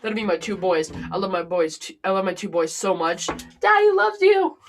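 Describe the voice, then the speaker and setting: A woman's voice: mid-range voice, sing-song, normal speed, faint music behind. A woman playing a melodramatic, doting and rash king in a broad stage comedy. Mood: doting, eager. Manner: exclamatory, theatrical.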